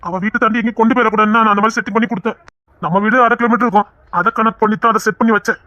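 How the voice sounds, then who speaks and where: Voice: mid-range voice, steady tone, racing, pushed and bright, dry recording, dull audio. A reader voicing the men of a dramatic family story, urgent and questioning. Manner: urgent, questioning, rough colloquial. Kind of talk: dramatic audio story reading.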